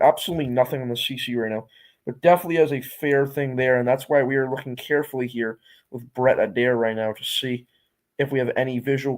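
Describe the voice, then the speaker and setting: A man's voice: medium pitch, a little mellow, low-quality recording. Man hosting a live storm-tracking stream. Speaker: livestream weather host.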